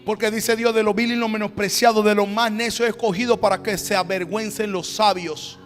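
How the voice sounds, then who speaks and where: Pastor: man, high voice, emphatic storytelling sermon, long church hall reverb. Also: steady tone, fairly quick, faint music behind. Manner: storytelling, building to loud emphatic calls.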